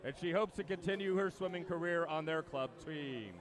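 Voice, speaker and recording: A man announcing at a swim meet, introducing swimmers in a measured, emphatic way with the odd dry aside. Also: fairly high pitch, a crowd in the background. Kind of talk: public address announcement.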